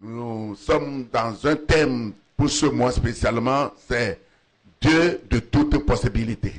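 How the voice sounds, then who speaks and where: A man preaching a sermon in short phrases, pausing for an interpreter. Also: mid-range voice. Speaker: pastor.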